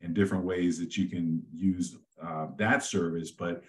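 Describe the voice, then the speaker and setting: A middle-aged man with a very low, deep radio-style voice appears as a guest on a casual podcast interview, working as a real estate agent. He's easygoing and talks at length, a little slowly and rambling, packed with fillers and restarts.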